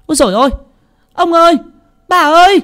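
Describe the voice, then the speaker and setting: A man's voice: extremely high pitch, expressive, a little slow, a little mellow, voice pushed up, heavily acted. A man voicing a panicked young female kitchen maid who stammers in breathless alarm. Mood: shrieking.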